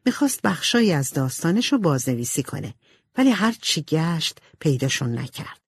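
A woman narrating a storybook in an expressive, animated way. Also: low-pitched, slightly rough, no echo, clean studio sound. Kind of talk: storybook reading.

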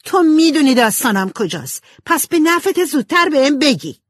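A woman voicing a hot-tempered, bossy teenage girl in a storybook, sharp and scolding. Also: on the high side, very animated, no room sound, clean studio sound, pitched above the performer's own voice. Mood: furious.

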